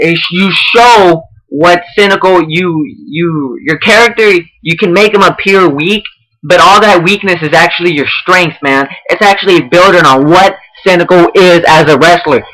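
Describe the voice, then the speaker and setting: Young man, bright voice, rambling casual feedback host, swears a lot. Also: fairly high pitch, rough recording. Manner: rambling, profane, many restarts and fillers. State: out of breath. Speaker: online wrestling roleplay host giving feedback.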